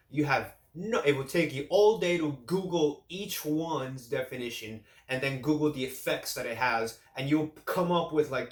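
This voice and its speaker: A man's voice: medium pitch, echoey room. A man in his late thirties giving casual fitness advice straight to camera, rambling and often restarting his sentences. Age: late 30s. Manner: rambling, repeats and restarts phrases. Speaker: fitness vlogger.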